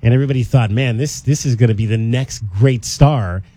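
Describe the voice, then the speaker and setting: A man's voice: mid-range voice, a little fast, dark tone. A man hosting a sports broadcast, interviewing guests and commenting in a conversational way.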